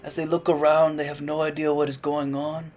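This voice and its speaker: A young man narrating a parody nature documentary in a hushed, mock-solemn wildlife voice. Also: on the high side, flat delivery, a little fast. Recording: music playing underneath.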